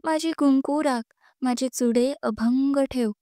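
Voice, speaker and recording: A high, smooth-voiced young wife prays in tears for her husband's life, as a woman storyteller gives her voice. She pleads in a soft, mellow tone that never rises to a shout. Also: unhurried, no echo, clean studio sound. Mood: pleading. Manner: pleading, tearful prayer.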